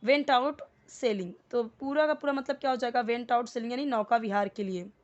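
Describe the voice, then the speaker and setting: A woman with an Indian accent teaching English step by step, patiently explaining each word and reading the English lines slowly. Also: a little high, darkish tone, dull audio. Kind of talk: step-by-step language lesson.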